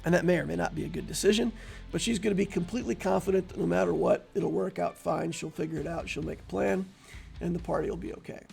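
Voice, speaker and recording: A man explaining a tabletop role-playing character build in a casual, relaxed, conversational way, with frequent fillers. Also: high voice, quick pace, gravelly, soft background music. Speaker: tabletop game build creator.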